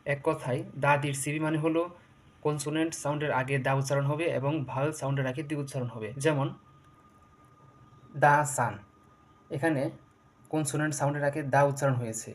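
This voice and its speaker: A man with a slightly high voice gives a patient lesson. He spells words out and works through one example after another. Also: fairly even intonation, fast talker. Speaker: English teacher. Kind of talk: explanatory lesson.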